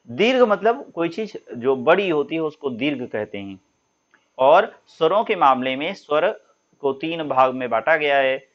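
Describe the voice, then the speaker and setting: In a classroom lesson, a man patiently teaches Sanskrit grammar, drawing out example sounds for his students. His voice is fairly high, and the recording has its highs cut off.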